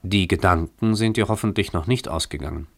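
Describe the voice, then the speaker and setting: A loving young wife with a soft, tender, lightly teasing way of speaking, read by a man in his own deep voice. The voice sits close and dry, as in a radio story reading. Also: brisk, vocal fry, no room sound, heavily acted.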